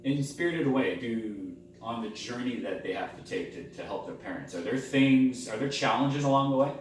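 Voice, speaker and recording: A man speaking as a school counselor in a role-play conversation, calm and reassuring like a therapist, rephrasing as he goes. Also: medium pitch, moderate pace. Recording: very echoey room, distant mic, faint hum.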